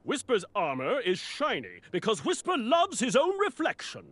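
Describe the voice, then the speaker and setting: A man's voice: extremely high pitch, wildly swooping pitch, normal speed, a bit bright, full character voice. An actor playing a vain male knight who talks about himself in the third person, theatrical and self-adoring, in a video game. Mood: eager.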